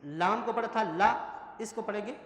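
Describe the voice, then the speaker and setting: A man teaching Quran pronunciation in a lesson, his voice carrying through a big hall with a long, ringing echo. He drags out each syllable slowly and checks often that the class has understood. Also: high-pitched, a bit bright. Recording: echoey hall.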